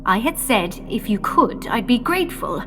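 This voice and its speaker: A woman's voice: a little high, big pitch swings, normal speed, a bit bright, soft background music. A woman playing a commanding, coolly gracious queen in a children's audio drama. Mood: imperious.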